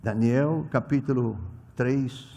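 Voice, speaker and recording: A non-native Portuguese speaker with a mid-range voice preaches emphatically at a children's ministry conference. He alternates loud exclamations with quiet asides, frequently restarting, repeating and correcting words mid-phrase, with echoey hall reverb around him.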